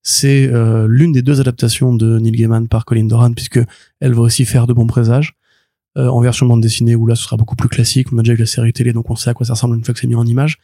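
Fast-talking man with a mellow voice. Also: medium pitch, level tone, no echo, studio quality. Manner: rambling, many restarts and fillers, enthusiastic. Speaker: podcast co-host. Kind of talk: casual chat reviewing comics.

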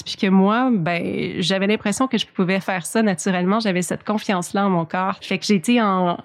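A woman in her thirties with a Québécois accent, telling her own birth story as a podcast guest in a reflective, chatty way. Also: mid-range voice. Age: 30s. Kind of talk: personal birth story told in conversation.

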